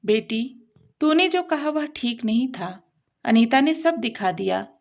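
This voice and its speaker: A woman plays a stern elderly mother-in-law in a storybook tale. Her voice is harsh and slow, pitched on the high side. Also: expressive, gravelly, exaggerated voice.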